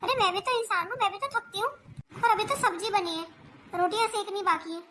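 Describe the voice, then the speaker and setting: Skit figure: bright high voice as a sulky young daughter-in-law, whiny and argumentative, faint hiss. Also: brisk. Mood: arguing. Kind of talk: family comedy skit.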